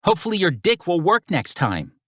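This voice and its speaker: Brief: whiny, snappish young woman with a Brooklyn accent, in a high put-on voice, as a male narrator voices her in an audiobook. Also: huge pitch swings, fairly quick, slightly rough, no echo, clean studio sound, exaggerated voice. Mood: snapping. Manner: whining, snappish.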